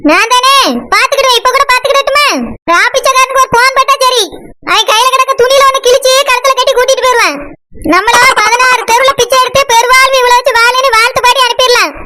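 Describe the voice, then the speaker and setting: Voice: very high-pitched, fairly even intonation, quick pace, heavy background noise. Someone voicing a sneering cartoon bully woman. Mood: scornful. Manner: scornful and mocking, full of threats. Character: domineering, threatening woman tormenting her household.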